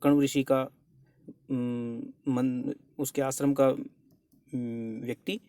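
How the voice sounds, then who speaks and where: A man, a college lecturer, explaining a classical play in a lecture, reciting verse lines slowly and then explaining them. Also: mid-range voice, flat delivery, mellow, no echo, clean studio sound.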